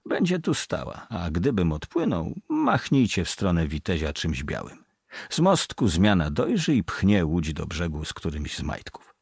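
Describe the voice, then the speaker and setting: A wary ship's bosun, voiced by a male audiobook reader speaks in a hushed, secretive way. His voice is deep and grainy with a husky edge. It is recorded close and dry. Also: huge pitch swings, unhurried, dry recording, full character voice. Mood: guarded. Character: evasive, superstitious middle-aged male ship's bosun.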